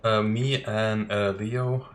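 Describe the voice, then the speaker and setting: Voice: medium pitch, steady tone, slow pace, a little hiss or hum. A player in a tabletop game, chatting casually about the loot split.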